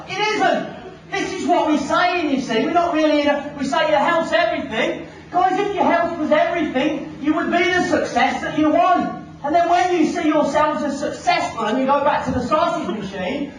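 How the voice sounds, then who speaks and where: A man giving an animated motivational seminar talk, firing rhetorical questions at a live audience. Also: very high-pitched. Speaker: motivational speaker. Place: large hall with a live audience. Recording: echoey hall from far off, audience noise.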